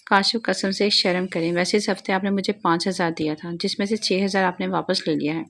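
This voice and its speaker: A woman voicing a gentle, devoted young wife who soothes her husband affectionately, in a storybook reading. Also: medium pitch, fairly even intonation, gravelly, slight background noise. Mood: teasing.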